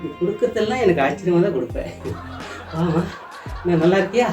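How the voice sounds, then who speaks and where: Guy with a high voice doing a comedy skit, sweet-talking and teasing, echoey room, mic kinda far, music under it. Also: expressive, fairly quick. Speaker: comic actor playing a husband. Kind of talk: comedy sketch acting.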